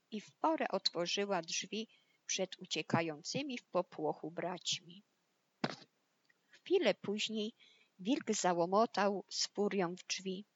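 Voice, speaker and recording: Slow, calm woman reading a fairy tale. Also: medium pitch, no room sound, lo-fi sound. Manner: calm, measured storytelling. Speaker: narrator. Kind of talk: storybook reading.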